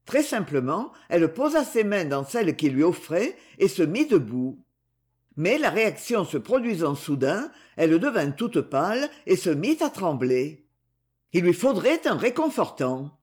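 A woman narrating a novel as an audiobook reader, expressive in her reading. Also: fairly low pitch, measured pace.

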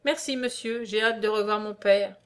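A woman's voice: medium pitch, normal speed, fairly bright tone, lightly acted. A woman reading aloud, voicing a polite, earnest young man come home from far away. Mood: respectful.

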